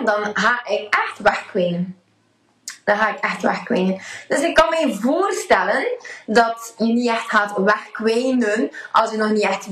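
A woman's voice: a little high, fairly bright tone, roomy sound, rough recording. A Flemish woman in her thirties, a coach talking casually and emphatically to her live chat, laughing easily. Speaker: coach and livestream host.

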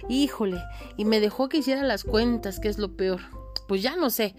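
A woman's voice: on the high side, moderate pace, over music. A woman with a Mexican accent speaking as a teacher, explaining informally in a chatty, playful way. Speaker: math teacher. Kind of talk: informal lesson with playful role-play.

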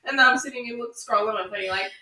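A woman's voice: a little high, racing, bright, forceful tone. A woman co-hosting a podcast with casual banter. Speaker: podcast co-host. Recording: very echoey room, off the mic.

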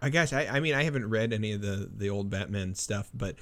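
A man's voice: fairly low pitch, fairly quick, a little hiss or hum. A man hosting a casual comics podcast, joking and laughing often with plenty of fillers. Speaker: podcast host. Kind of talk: casual chat.

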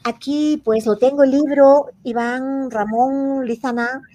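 A woman from Peru speaks as a guest poet in a casual interview. Her voice is high, and she often doubles her words as she goes. She sounds eager as she talks. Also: fairly even intonation, slow, warm tone, slight background noise, low-quality recording.

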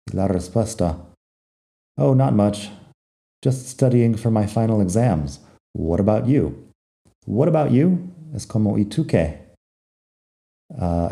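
A man's voice: on the low side, warm tone. A man teaching English phrases, reading both sides of short example dialogues himself. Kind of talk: explaining English phrases to Spanish speakers.

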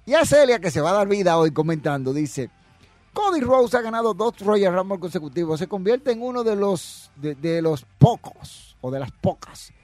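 A man's voice: sits high, animated, normal speed, a little mellow, no echo, faint music behind. Brash man hosting a wrestling podcast. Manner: brash, mocking, reads viewer comments aloud. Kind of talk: casual opinionated commentary.

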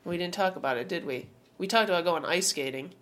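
A woman's voice: lowish voice, quick pace, a bit bright. A woman co-hosting a podcast in casual chat, sounding congested and stuffy-nosed from a head cold. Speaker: podcast co-host.

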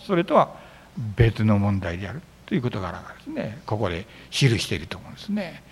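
A man's voice: fairly high pitch, in a large hall. A man, preaching as pastor, telling stories and acting out the disciples' lines. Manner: animated storytelling, acting out biblical dialogue. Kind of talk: sermon. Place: church sanctuary.

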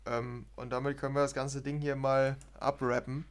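A man's voice: mid-range voice, level tone, normal speed. Young man with a Münsterland accent. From Münsterland, Germany. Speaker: podcast co-host. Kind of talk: casual chat.

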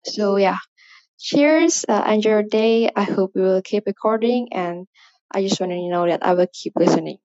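An Indonesian woman, for whom English is not a first language, leaves a casual, rambling voice message full of fillers and hesitation, with an Indonesian accent. Her medium-pitched voice has a darkish tone at normal speed, and the audio is dull.

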